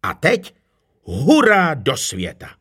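A man's voice: fairly high pitch, wildly swooping pitch, fairly bright tone, husky, voice pushed up, exaggerated voice. A man reading a children's storybook, voicing a friendly female swallow in a slightly raised, kindly voice. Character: friendly female swallow who carries the elves.

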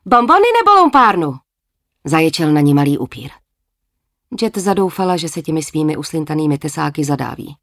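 A woman's voice: low voice, fairly even intonation, creaky, a little mellow, dry recording, clean studio sound. A woman narrating a novel as an audiobook, with a wry, lightly ironic tone.

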